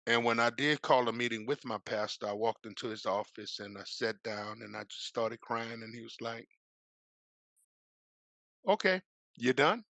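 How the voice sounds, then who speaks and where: A middle-aged man, a preacher appearing as a guest, telling a personal story with lively energy and moving into a preaching cadence. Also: mid-range voice, a little fast, few pauses, dry recording. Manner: lively, acts out the voices in his stories.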